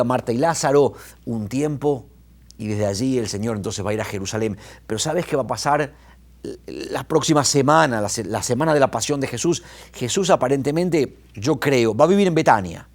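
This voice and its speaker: A man preaching a sermon, talking in an animated way and often restarting his words. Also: medium pitch. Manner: animated, retells scenes with quoted voices, restarts. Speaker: pastor.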